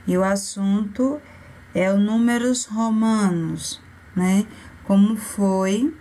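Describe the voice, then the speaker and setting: A woman with a Brazilian accent teaches a remote class for young children. She speaks slowly and patiently at a middle pitch, sounding out syllables one by one and repeating the key terms so the children remember them. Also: a little mellow. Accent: Brazilian Portuguese. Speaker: primary school teacher.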